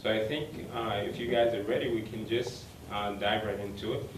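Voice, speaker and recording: A man moderating a university panel gives hesitant opening remarks in a university lecture room, with many ums and uhs. His low-side voice is steady and of normal speed, picked up by a far mic in a noisy, echoey hall.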